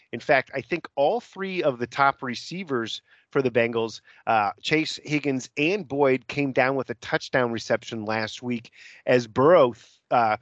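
A man's voice: mid-range voice, a bit bright, no echo, muffled recording. A man co-hosting a sports chat who sets up each game preview in an easygoing way. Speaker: sports podcast co-host.

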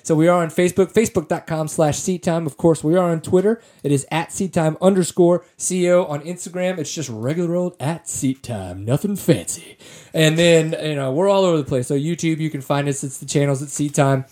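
A male podcast host talks in a loose, easygoing way and keeps circling back to restart his phrases. His voice sits a little high for a man, and laughter keeps slipping into the chat. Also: fairly quick, darkish tone.

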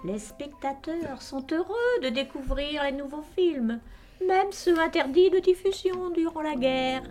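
A woman's voice: high-pitched, measured pace, darkish tone, faint music behind. A woman reading scripted narration for a radio serial.

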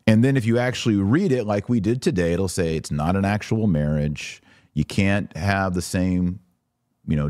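Religious commentary for a live online audience comes from a man whose voice sits on the low side and sounds a little mellow. As podcast host, he argues emphatically through rhetorical questions and dramatized objections, recorded dry in studio quality.

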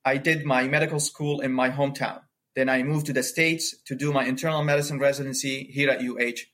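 A man's voice: mid-range voice, fairly even intonation, fairly quick, a bit bright. A man from Syria, a cardiology fellow, introducing himself as a podcast guest in a friendly, lightly joking way. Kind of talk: prepared self-introduction.

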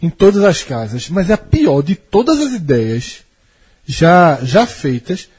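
A man's voice: fairly high pitch, sing-song, slow pace, a little mellow, slightly rough. A man chatting casually on a podcast, giving blunt, emphatic opinions. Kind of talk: casual chat.

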